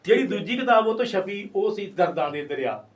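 A poet in his sixties from Punjab, India, tells stories in a casual interview, acting out the voices of the people he quotes. His voice is high-pitched, expressive and fairly quick, recorded far from the mic.

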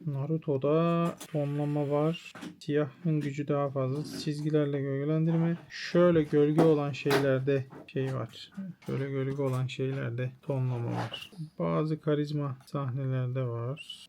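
A man's voice: on the high side, mellow, slight background noise. Man musing in short, clipped verdicts. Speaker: manga artist. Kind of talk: thinking aloud while browsing.

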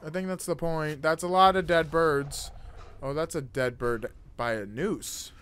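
A man in his twenties streams a horror game in a smooth, fairly high voice. He reacts nervously and covers it with jokes and casual swearing. He talks close to a desktop mic, as live commentary. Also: unhurried, fairly bright tone. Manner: nervous, jokey reactions to scares; casual, profane. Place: indoor gaming room. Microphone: close desktop microphone.

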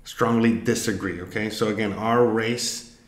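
Speaking unhurriedly in a lowish, steady voice, a Miami, Florida vlogger rambles his way through an online quiz, full of fillers and restarts. He records indoors on a desk webcam in a home room with noticeable echo.

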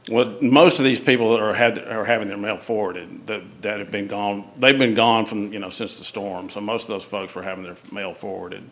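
A man's voice: on the low side, steady tone, moderate pace, few pauses, a bit bright. A city official, a man, reporting on properties to a council in a plain, hesitant way with many fillers. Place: council chamber.

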